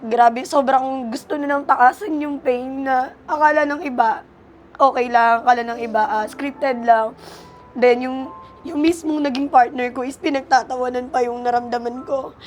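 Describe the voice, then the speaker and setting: A woman's voice: high voice, steady tone, normal speed, faint music behind. A young adult woman speaking earnestly as a guest on a talk show, mixing English into Tagalog. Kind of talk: emotional interview talk.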